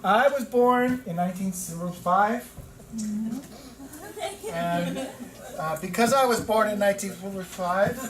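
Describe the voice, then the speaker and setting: A man in his fifties, a teacher trainer giving an animated lecture with stories, repeating words for emphasis. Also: high-pitched, unhurried, pauses often, a crowd in the background. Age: 50s. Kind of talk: classroom lecture. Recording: echoey room from far off, noisy.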